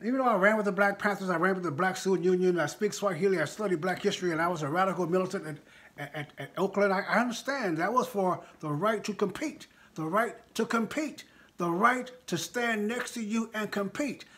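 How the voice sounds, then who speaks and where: An American man in his sixties, a live stream host and political speaker, addresses live viewers informally but passionately, emphatic and repeating phrases for effect. His voice is high-pitched and a bit bright, and he talks a little fast.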